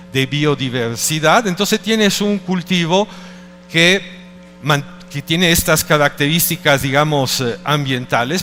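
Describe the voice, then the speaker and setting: A middle-aged man with an Italian accent gives a conference presentation in a reverberant hall, a faint bed of music underneath. His voice sits slightly high, and he speaks haltingly, often breaking off to rephrase and search for the right word. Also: fairly bright tone. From Italy. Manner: hesitant, searching for words with many restarts. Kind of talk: presentation talk.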